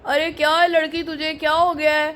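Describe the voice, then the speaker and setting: A woman's voice: high-pitched, little pitch movement, brisk, fairly bright tone, slight background noise. A woman voicing a menacing male plane hijacker who barks threats in a doll story. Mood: threatening. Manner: threatening, barking orders. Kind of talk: doll story role-play.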